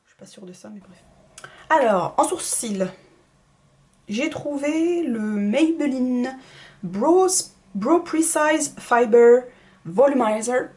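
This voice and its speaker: A chatty woman walks through her makeup routine, talking straight to her viewers. She is self-deprecating and keeps sliding into quiet, half-whispered asides. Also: high-pitched, expressive, takes it slowly, long pauses. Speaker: beauty vlogger. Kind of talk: casual makeup tutorial chat.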